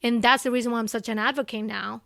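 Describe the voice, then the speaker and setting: A young woman from Ecuador with a Spanish accent talks animatedly as an interview guest, peppering her English with "you know" and "like". Her voice sits fairly high, and the sound is close and dry with little room around it. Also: fairly even intonation, quick pace, creaky, a bit bright, no echo. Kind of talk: casual interview conversation.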